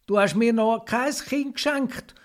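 A weary old patriarch mourns in a lifted, aching voice, as a male storyteller plays him. He speaks in a children's storybook, his tone high and heavy with regret. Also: a little slow. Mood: sad.

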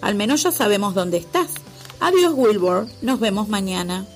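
A woman's voice: medium pitch, moderate pace, faint music behind, natural voice. A woman voicing a cheerful, teasing male elephant in a storybook. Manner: teasing, lively.

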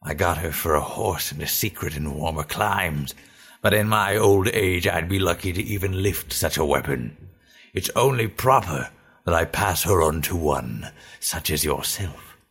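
A man doing a thin, sly old stranger, slow and low. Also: lively intonation, fairly bright tone, husky, full character voice. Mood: persuasive.

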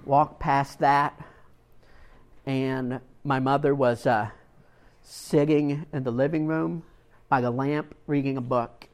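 A male pastor delivers a sermon at an unhurried pace, drawing his point from a personal story. His middle-pitched voice rises with feeling, and he repeats words as the emotion builds. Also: steady tone. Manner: storytelling, earnest, repeats words when moved.

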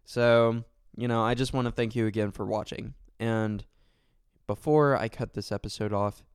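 A man's voice: lowish voice, steady tone, moderate pace, clear, resonant tone, no room sound, clean studio sound. A man hosting his own podcast, talking casually and sincerely in a rambling way, full of fillers and self-corrections. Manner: sincere and thankful. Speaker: podcast host. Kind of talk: casual solo podcast talk.

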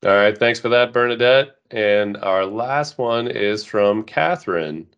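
A man co-hosting a podcast, chatting in a relaxed way with a slightly nasal voice. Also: on the low side, unhurried, smooth, lo-fi sound. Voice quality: nasal today. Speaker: podcast co-host. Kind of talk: casual podcast talk.

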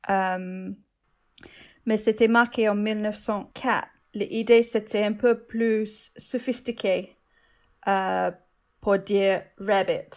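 English-native woman cook, slow and halting, casual chat. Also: medium pitch, a little mellow. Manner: halting, searching for words. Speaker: guest cook.

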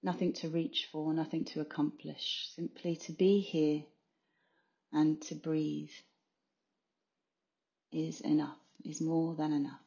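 Speaking slowly with long pauses, a woman guides a yoga nidra meditation in soothing short phrases, her deep voice creaky yet mellow and level in tone. The session recording sounds slightly muffled, and she works as a meditation guide and consultant.

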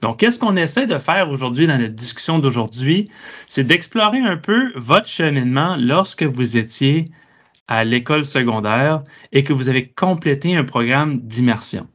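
A man hosting a discussion, asking students measured, inviting questions. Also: medium pitch, lively intonation, fairly bright tone. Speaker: host. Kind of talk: hosted discussion. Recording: dull lo-fi sound.

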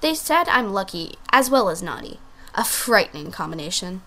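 A woman's voice: big pitch swings, moderate pace, pushed and bright. Woman voicing a sassy diva French bulldog girl. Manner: theatrical, diva-like, swooping pitch. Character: sassy pampered five-year-old female French bulldog.

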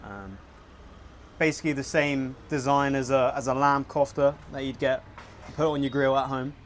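A man co-hosting a casual travel chat, relaxed and blunt with his opinions. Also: medium pitch, moderate pace, slight background noise. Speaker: podcast co-host.

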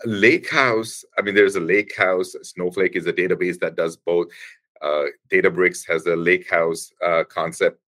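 A man with a very low voice is a guest on a podcast. He explains things patiently at length, stops often and starts his sentences over. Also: steady tone, sharp tone. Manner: explanatory, halting with many restarts. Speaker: guest, engineering executive. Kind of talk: podcast interview.

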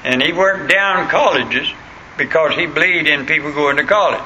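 A man preaches in a homespun rural American country voice that sits a little high and cuts through with a very sharp, bright edge. His diction is plain and unschooled, and he tells stories and reads scripture, checking in with listeners as he goes. There is noticeable noise on the recording. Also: moderate pace, lo-fi sound. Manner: folksy, punctuates points with questions to listeners. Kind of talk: sermon with anecdotes and scripture reading. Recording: clearly noisy recording.

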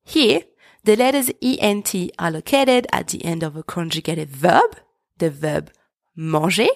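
A woman in her thirties hosting a podcast pronunciation lesson, speaking clearly and patiently and slowing down to model each word. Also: on the low side, no echo, studio quality. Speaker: French teacher and podcast host.

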